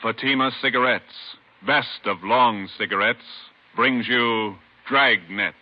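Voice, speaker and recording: Formal old-time radio announcer over music. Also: male voice, mid-range voice, lo-fi sound. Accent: American. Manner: formal, measured, emphatic. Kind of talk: 1950s radio show introduction.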